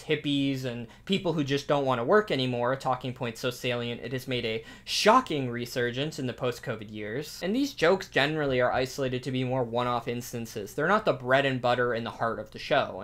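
A man giving sarcastic, mocking commentary as a video reviewer. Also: fairly high pitch.

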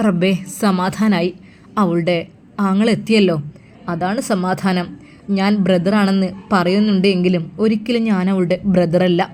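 A woman voicing a young man reflecting slowly to himself in a spoken story. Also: on the low side, fairly even intonation, a little mellow, slight background noise, close to an everyday voice. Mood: reflective. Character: young man, brooding and self-searching.

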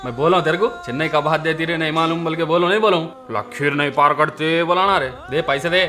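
A man with a Hyderabadi accent acting in a comedy sketch, speaking calmly and in a warning tone. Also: a little high, brisk, faint music behind. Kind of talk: comic sketch in Hyderabadi Hindi.

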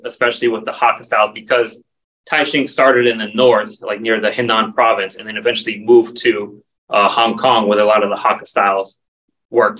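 A martial arts instructor in his forties, with a lowish, sharp-toned voice, earnestly explains his training as a guest in a video call interview, listing terms steadily. He stands back from the camera in a dim indoor room, so the audio sounds distant.

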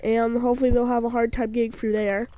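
A gaming channel host, a woman, rambles through casual let's-play commentary on her survival game while sick, and her voice sounds off. She speaks quickly at a fairly high pitch with little movement, full of fillers and restarts, on a lo-fi recording.

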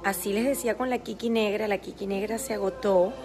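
A woman's voice: mid-range voice, fairly even intonation, brisk. A woman chatting casually in a phone story, gushing and promotional as she shows off her store event to followers. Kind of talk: casual Instagram story chat. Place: busy store event, indoors. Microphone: phone held by speaker. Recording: phone recording with chattering crowd behind.

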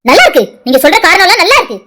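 Woman doing cartoon young wife, super high pitch, rattles off sarcastic accusations. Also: sing-song, racing, sharp tone, heavily acted. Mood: furious. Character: angry pregnant young wife, sharp-tongued. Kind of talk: cartoon drama voice acting.

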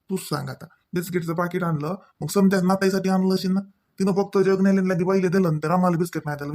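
Here the same elderly, fair-minded village father-in-law from a comedy cartoon chides in colloquial Varhadi Marathi, full of questioning tags. The man's pitch sits high and a little mellow, and the performance is only lightly acted.

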